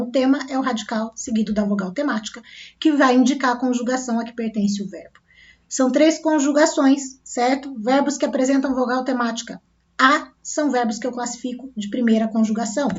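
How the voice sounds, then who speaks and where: A woman's voice: on the high side, fairly quick. A woman teacher with a Brazilian Portuguese accent, explaining step by step and often checking that her class is following. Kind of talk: recorded grammar lesson. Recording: dull lo-fi recording.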